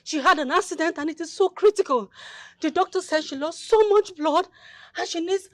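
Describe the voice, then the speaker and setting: A woman's voice: extremely high pitch, brisk, no echo. A woman playing a distraught young friend in a film drama, breathless, panting and pleading urgently. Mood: breathless alarm.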